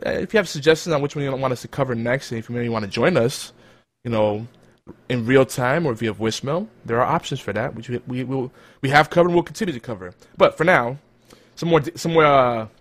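Male host for an informal podcast segment, easygoing and rambling, mid-range voice. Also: medium pitch. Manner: rambling, with many fillers and self-corrections. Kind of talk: casual chat.

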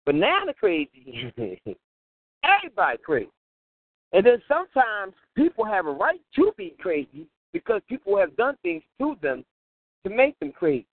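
A fairly high-voiced man calls into a talk show on a crackly phone line that keeps fading in and out. His pitch swings widely as he chuckles and hammers his points home. The sound is thin, tinny and completely dry. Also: moderate pace, dry recording. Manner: animated, chuckling, repeats himself for emphasis. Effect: patchy phone line that fades in and out. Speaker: radio show co-host calling in. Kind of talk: casual talk radio chat.

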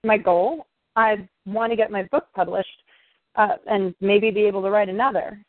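A woman's voice: mid-range voice, moderate pace, dry recording, natural voice. A woman voicing a flustered young writer who speaks hesitantly and with sarcasm. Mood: uneasy. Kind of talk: audio drama acting. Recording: dry tinny phone-like sound.

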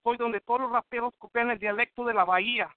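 A man's voice: very high-pitched, fairly even intonation, fast talker, no room sound. A man from Northern California spitting boastful, aggressive insult rhymes in a rap battle over the phone. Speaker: battle rapper. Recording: tinny dry phone line.

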